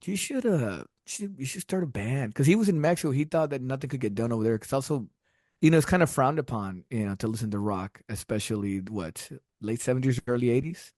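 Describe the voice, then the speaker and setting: A middle-aged Texan man whose first language is Spanish tells rambling stories as a podcast guest, laughing often in a casual interview. His medium-pitched voice is lively, fairly quick and a little mellow. The recording is dry and clean, with studio quality.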